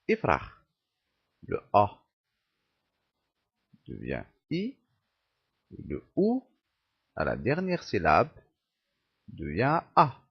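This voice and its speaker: A man giving a grammar lesson, slowly dictating example words one by one in a halting teaching manner. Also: on the low side, breathy edge, dull audio. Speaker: language teacher.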